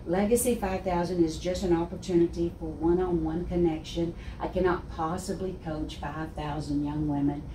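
With a lowish voice at normal speed and few pauses, a heavily accented Texan woman in her sixties gives an animated account of her faith as a guest speaker. She laughs often and gestures constantly on a wood-panelled office set with armchairs; the sound is roomy and distant, with faint hiss.

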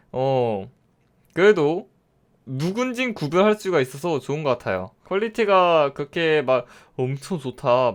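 A young man giving casual, joking commentary while he plays and reviews a game mod, often talking to the characters on screen. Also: a little high. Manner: chatty, jokes and talks to game characters, laughs often.

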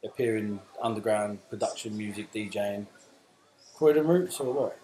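A man's voice: lowish voice, moderate pace, mellow, roomy sound, low-quality recording. A man with a South London accent hosting a casual live Q&A, chatting and reading out viewer comments. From England. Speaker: host.

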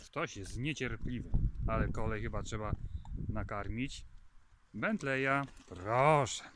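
A man's voice: lowish voice, slow pace, very noisy. A man on a farm coaxing his dogs, calling them by name and giving them commands while he feeds them. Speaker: dog owner feeding his dogs. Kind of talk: casual talk while feeding dogs. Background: dogs and clicks.

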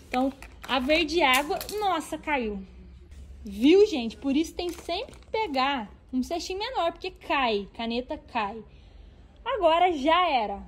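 Speaking at a measured pace in a high-pitched voice, a Brazilian Portuguese–accented woman films a shopping vlog inside a stationery shop. She stays animated, chatting with viewers while she browses.

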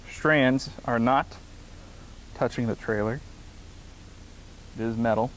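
Out in a grassy field, a man in his thirties demonstrates a product step by step in plain, short phrases as he works. His voice is mid-range, and the rough recording carries a little hiss or hum.

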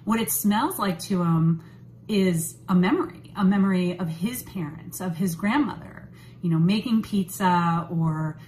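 A woman in her thirties hosting a home vlog, talking to camera in a relaxed, chatty way with lots of "you know" fillers, recorded in her kitchen on a phone or webcam at arm's length. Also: fairly low pitch, measured pace, slight background noise, low-quality recording. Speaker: host. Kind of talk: casual talk to camera.

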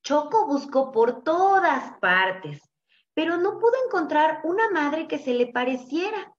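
Woman, Mexican accent, children's storyteller, expressive, slow, high, muffled recording.

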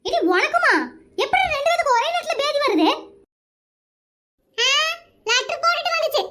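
A fussy, dramatic cartoon village woman who scolds and whines nonstop. Her voice is very high, bright and cutting, like a sped-up cartoon. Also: lively intonation, moderate pace, a little hiss or hum, full character voice. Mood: exasperated. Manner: scolding, comic whining. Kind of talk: animated cartoon voice acting.

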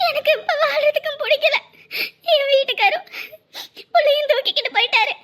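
Woman voicing a young cartoon wife, sobbing, pleading, very high pitch, bright tone. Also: fairly quick. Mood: weeping. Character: grieving young wife, desperate, tearful. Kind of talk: cartoon drama acting.

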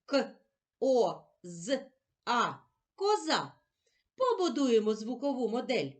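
Woman, children's teacher, extremely slow, highish voice, very lively pitch, stretched syllables. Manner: drawn-out, sing-song syllable stressing. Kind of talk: slow, clearly articulated literacy lesson for children.

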